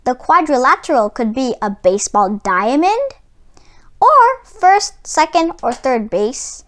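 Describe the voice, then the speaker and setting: A woman reading a children's book aloud in an expressive storytelling style. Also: sits high, slow pace.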